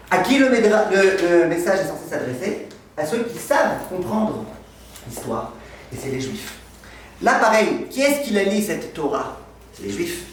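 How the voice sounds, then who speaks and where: A rabbi gives a lively class, bouncing questions off his students and weaving in funny stories. His voice sits a little high for a man. It rings around a reverberant room, picked up from some distance away, with a faint hiss behind it. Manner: asks the class questions and answers them, tells anecdotes. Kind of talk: lively Torah lesson with humor. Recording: echoey room, mic far off.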